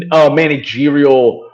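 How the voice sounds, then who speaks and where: Over a muffled recording, a Venezuelan man with a rather high, darkish voice talks politics as a podcast guest. His casual discussion wanders, full of fillers and false starts.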